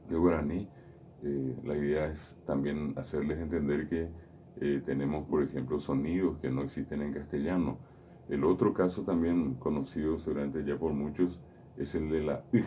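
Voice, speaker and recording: Very deep-voiced man explaining. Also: dark tone, a little hiss or hum. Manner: patient, repeats and spells out examples. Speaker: radio host teaching Guaraní. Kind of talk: explanatory radio talk. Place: radio studio.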